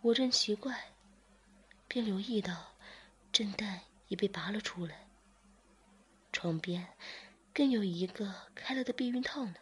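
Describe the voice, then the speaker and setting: A woman reading an adult story aloud in whispered role-play, hushed and unhurried. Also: medium pitch, breathy edge.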